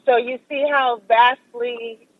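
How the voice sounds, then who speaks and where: A woman who practises massage talks in a calm, explanatory way as an interview guest, calling in on speakerphone while she drives. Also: a little high, takes it slowly, dry recording. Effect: speakerphone call from a car. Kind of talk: casual interview chat. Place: driving in a car. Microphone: phone on speaker. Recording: tinny dry phone line.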